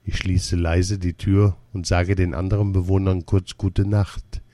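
A man reading a first-person story as a care worker, calm and measured. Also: low voice, dry recording.

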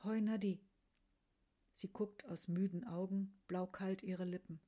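Brief: female narrator for a quiet literary story, hushed delivery, mellow husky tone. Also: on the low side, level tone, measured pace. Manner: hushed, often dropping to a whisper.

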